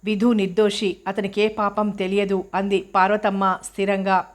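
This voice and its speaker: A calm, defiant older woman cook, as a narrator voices her in a storybook reading. She speaks firmly and steadily, her tone held flat and even. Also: mid-range voice, normal speed, lightly acted. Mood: resolute. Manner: steady, firm, solemn.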